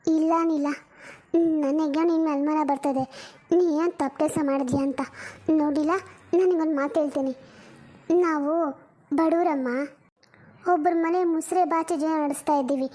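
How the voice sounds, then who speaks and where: A woman's voice: sits high, steady tone, moderate pace, long pauses, dark tone, natural voice. A woman voicing a worried elder sister who works as a poor housemaid and lectures her younger sister with proverbs. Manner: lectures and scolds, uses proverbs.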